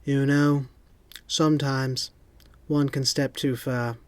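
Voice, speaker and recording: A man's voice: fairly high pitch, normal speed, a little mellow, no room sound, natural voice. James Bond: a man doing a suave secret agent. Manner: smooth, dry wit. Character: suave male secret agent, smooth and charming.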